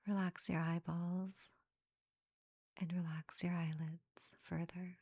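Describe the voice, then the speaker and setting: This is a dry, studio-quality recording of a woman leading a meditation, her pitch barely moving. Her near-whispered voice is breathy and soft, delivering short, gentle phrases very slowly with pauses between, in a dark, mellow tone intended to relax the listener.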